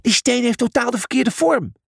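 Guy doing a squeaky prim little pig, smart and fussy, storybook voice. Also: big pitch swings, brisk, vocal fry, a bit bright, slightly rough, no echo, studio quality, heavily acted. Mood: prim, impatient. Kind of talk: audiobook character voice.

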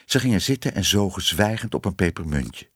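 Man, storybook narration, very lively pitch, dry close recording. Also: fairly quick, slightly rough, no echo. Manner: expressive reading with many voiced figures. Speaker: audiobook narrator.

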